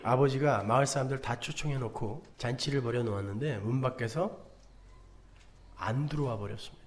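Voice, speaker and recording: A man's voice: mid-range voice, fairly quick, slight background noise. A male pastor preaching a dramatic sermon, asking rhetorical questions and acting out quotes.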